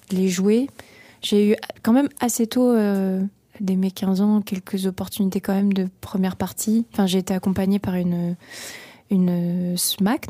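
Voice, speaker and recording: A young woman from the Paris region, a singer-songwriter, answers questions in a radio interview, speaking hesitantly with lots of fillers and restarts. Her voice is medium-pitched and warm, recorded without room sound.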